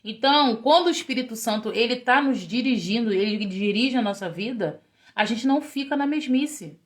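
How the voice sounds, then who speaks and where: Middle-aged woman, informal devotional talk, slightly high pitch, chatty and direct. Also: expressive, moderate pace. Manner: conversational, keeps asking "né?" and addressing "meninas". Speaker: women's ministry preacher.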